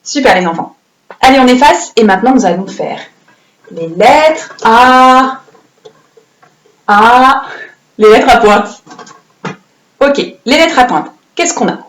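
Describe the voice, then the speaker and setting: A woman's voice: a little high, lively intonation. Patient woman teaching children handwriting. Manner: patient, encouraging, dictates slowly with playful sound effects. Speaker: primary school teacher. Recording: roomy echoey room.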